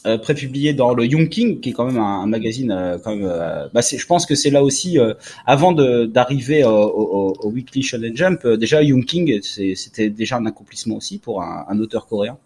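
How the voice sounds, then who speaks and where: A man in his forties co-hosting a casual chat, relaxed and talkative with many fillers. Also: mid-range voice, a little fast, breathy edge. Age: 40s. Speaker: podcast co-host. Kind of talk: casual chat about manga.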